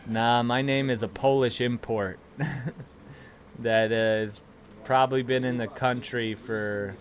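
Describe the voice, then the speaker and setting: A young man with a Chicago accent hosts a casual livestream from a small room at home, telling rambling, profane stories to his chat. His mid-range voice is steady, and he takes it slowly.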